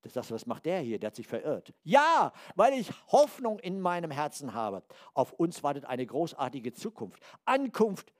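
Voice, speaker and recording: Animated older German-speaking man preaching. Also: fairly high pitch, normal speed, hardly any pauses. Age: 70s. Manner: lively, animated preaching with acted-out quotes and sudden drops to quiet asides. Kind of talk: sermon.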